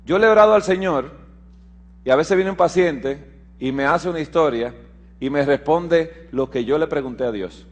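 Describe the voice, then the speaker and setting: A man giving a sermon mixed with a medical lecture, explaining step by step and checking that listeners follow, moving between emphatic raised passages and quiet low asides. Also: normal speed. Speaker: preacher and physician.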